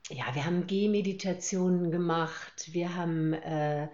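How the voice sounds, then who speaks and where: An older woman raised in Hamburg with a northern German accent, a former teacher speaking thoughtfully as a podcast guest with many pauses and fillers. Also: on the low side, mellow, muffled recording. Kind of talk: podcast interview.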